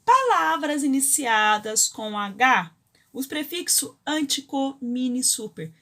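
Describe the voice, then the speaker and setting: A woman's voice: sits high, big pitch swings, takes it slowly, pushed and bright. A Brazilian woman teaching a grammar lesson, explaining rules step by step and often checking in with her students. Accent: Brazilian Portuguese.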